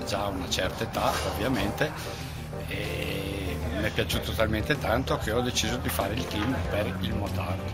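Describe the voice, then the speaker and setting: Older man talking over loud music. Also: fairly low pitch. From Italy. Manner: relaxed, plain-spoken, with frequent fillers and restarts. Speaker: motorsport team manager. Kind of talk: casual interview. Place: team garage at a race paddock.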